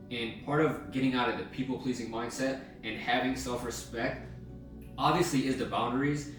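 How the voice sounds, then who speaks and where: A young man giving a blunt, slangy, casual self-help talk, swearing freely. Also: mid-range voice. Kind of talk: casual motivational monologue. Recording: very echoey room, mic at a distance, music behind.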